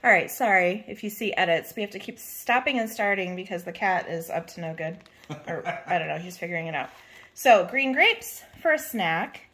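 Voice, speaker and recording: A woman's voice: on the low side, animated, moderate pace, fairly bright tone. Woman chatting through a grocery haul at home, casual, lists stuff, lots of um's. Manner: chatty, lists items with fillers. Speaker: channel co-host. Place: home kitchen, indoors.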